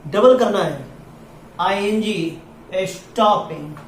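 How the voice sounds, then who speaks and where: A man teaching at a slow, deliberate pace, spelling out words one letter at a time. His voice sounds echoey and distant, recorded from across a classroom, with faint room ambience behind him. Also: high-pitched, a little hiss or hum. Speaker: English teacher. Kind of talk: classroom lesson.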